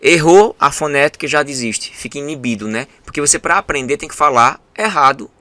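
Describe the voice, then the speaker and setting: Brazilian male host, English teacher, bright voice, animated. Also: on the high side, brisk, no room sound. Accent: Brazilian Portuguese. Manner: animated, acts out his students' voices. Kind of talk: casual interview chat.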